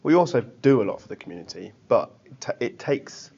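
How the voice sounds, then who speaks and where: A man's voice: medium pitch, big pitch swings, fairly quick, creaky, mellow, breathy edge. A man chatting casually and earnestly on a podcast. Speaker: football club volunteer and podcast guest. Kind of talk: casual chat. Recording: slightly dull, lo-fi sound.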